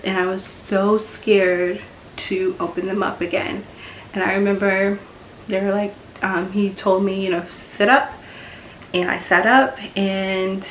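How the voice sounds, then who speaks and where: A woman telling a personal story-time vlog, halting and full of fillers, sometimes getting emotional. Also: medium pitch. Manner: halting, lots of fillers and restarts, emotional at times. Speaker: beauty vlogger. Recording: echoey room with faint background noise.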